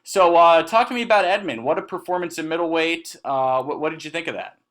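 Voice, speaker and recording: A man co-hosting a casual sports podcast, animated and prone to hesitant restarts as he leads each segment. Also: on the high side, fairly quick. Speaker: podcast co-host.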